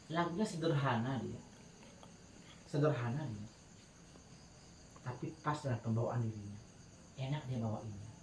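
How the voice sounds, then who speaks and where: A man's voice: medium pitch, a little hiss or hum. A man teaching Quran recitation rules to his students in a casual, chatty way, often breaking into melodic chanting to demonstrate, heard from a distance in a roomy space with faint crickets. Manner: chatty, laughs while telling anecdotes. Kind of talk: casual tajwid lesson to students.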